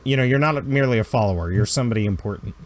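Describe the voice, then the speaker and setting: A man's voice: mid-range voice, racing. A man with a mid-range voice acts as game master. He improvises narration for a tabletop role-playing game and guides his players.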